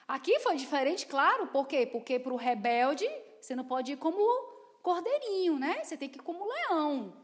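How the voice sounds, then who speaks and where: A middle-aged woman pastor preaching a sermon emphatically, dropping to soft asides and rising to loud declarations. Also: sits high, big pitch swings, normal speed. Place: church. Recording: long reverb of a church hall.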